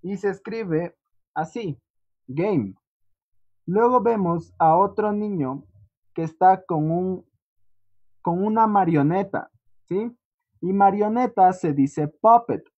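A teacher patiently walking students through an online lesson, often checking in with a quick "¿sí?". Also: medium pitch, darkish tone. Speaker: English teacher. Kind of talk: online class walkthrough. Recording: dull lo-fi online class audio.

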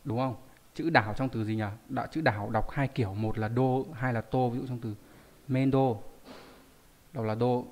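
A man's voice: medium pitch, fairly even intonation, a little fast. A man teaching a live online lesson, reading out viewer names and explaining word readings with frequent rhetorical questions. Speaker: Japanese teacher.

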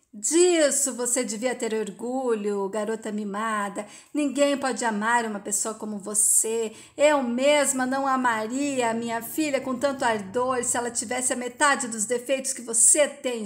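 Woman reading as a harsh older lady scolding somebody, kinda high voice, preachy. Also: lightly acted. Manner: harsh, lecturing. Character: stern mature woman, scolding and unforgiving.

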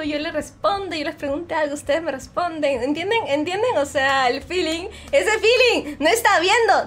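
A woman's voice: extremely high pitch, fairly bright tone. A young woman streaming live, chatting casually, reading chat messages aloud and laughing often. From Peru.

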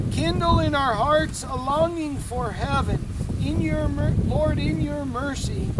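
A man recites solemn funeral prayers outdoors in a formal, measured way. His voice sits far from the microphone, picked up by a distant camera. Loud wind noise runs over the whole recording. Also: very high voice. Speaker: priest leading a graveside committal. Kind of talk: solemn graveside prayer, read aloud. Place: outdoors in a snowy open cemetery.

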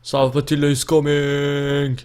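A man with a Turkish accent giving casual gameplay commentary, joking and boasting, breaking into loud yells at his teammates. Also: a little high, slow pace, clean tone. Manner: excitable, yells and shouts at teammates in bursts. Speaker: gaming YouTuber.

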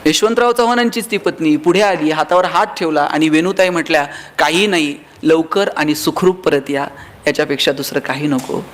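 A man's voice: a little high, a little fast. A man giving a motivational public speech, telling humorous stories and acting out the voices in them. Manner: storytelling with humor, acts out quoted voices. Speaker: motivational speaker.

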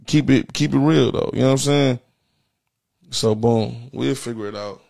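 An American man in his thirties hosts a comedy livestream from an indoor studio with a printed backdrop behind him. His banter is casual, profane, slangy, and repetitive, delivered at a moderate pace in a medium-pitched, darkish voice with vocal fry.

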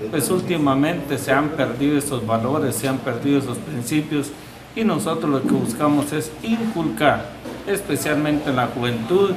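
A man in his fifties with a Guatemalan accent, answering a news interview in a halting, deliberate way. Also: on the high side, a crowd in the background. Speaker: interviewee, event organiser. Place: indoors, small room against plain wall. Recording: roomy echo, people in background.

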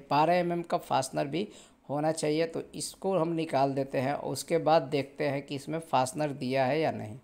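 A man's voice: a little high, darkish tone. Brief: young male plumber, plain step-by-step how-to talk, recorded on a phone in a bare room. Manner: plain step-by-step explaining while working. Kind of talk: how-to tutorial narration. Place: bare indoor room being fitted.

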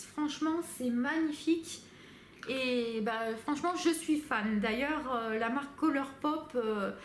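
A woman vlogger chats through a casual makeup review in a high, leisurely voice, full of hesitations and restarts. She sounds like she is recording in an echoey room at home. A faint hum of ambience sits behind her. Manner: hesitant, many fillers and restarts. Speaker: beauty vlogger.

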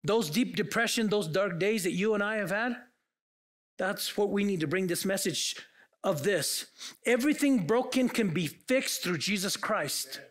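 A man's voice: sits high, lively intonation, unhurried, fairly bright tone. A man preaching a sermon as pastor, earnest and full of rhetorical questions put to the congregation. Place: church.

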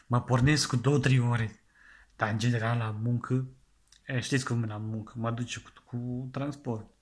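A man doing a comic monologue as a penny-pincher, talking earnestly in halting, rambling sentences full of restarts. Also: mid-range voice, fairly even intonation. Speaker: comedian playing an extreme penny-pincher. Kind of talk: comedic monologue sketch.

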